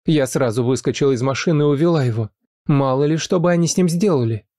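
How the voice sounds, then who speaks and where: A man voicing a scheming young wife who speaks quickly and sweetly, with a dark, dry voice raised in pitch. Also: no room sound, natural voice. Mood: urgent, excited. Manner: fast, sugary, pleading then spiteful.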